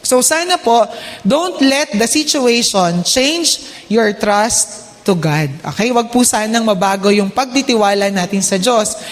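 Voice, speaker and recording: High-voiced Filipino woman preaching. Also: animated, measured pace. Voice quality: slight trouble with the R sound. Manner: polite, checks in with the congregation with "Okay?"; mixes English phrases into her talk. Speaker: church speaker and children's teacher. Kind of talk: sermon. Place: church hall. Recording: long hall reverb.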